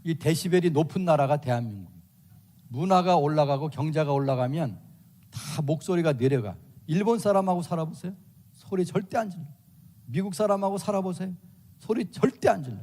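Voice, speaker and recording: An older man delivers a sermon in a slightly high voice, hammering points home by repeating them. He acts out family quarrels and swings from sudden loud outbursts to soft, hushed tones. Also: lively intonation, brisk. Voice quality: shouts out loud in acted quotes. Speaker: preacher.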